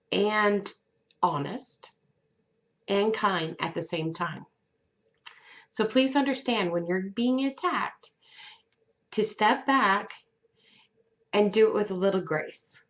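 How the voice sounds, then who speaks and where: A woman giving a weekly tarot reading in a gentle, unhurried way, with fillers and restarts. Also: mid-range voice, highs cut off. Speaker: tarot reader.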